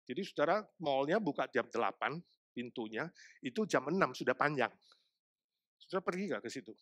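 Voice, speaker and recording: A man, a pastor preaching a sermon to his congregation, moving between loud proclamations and quiet asides. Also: medium pitch, lively intonation, fairly quick. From Indonesia.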